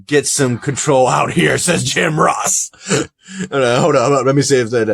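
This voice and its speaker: A man hosting a casual podcast review, talking in an animated way, reading results aloud and laughing often. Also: medium pitch, normal speed, vocal fry, husky. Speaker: podcast host.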